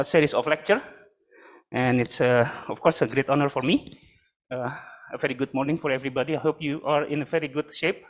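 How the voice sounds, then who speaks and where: An older man from Indonesia giving a university lecture in a room, halting with many fillers and joking asides. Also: on the high side. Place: lecture room with a live and online audience.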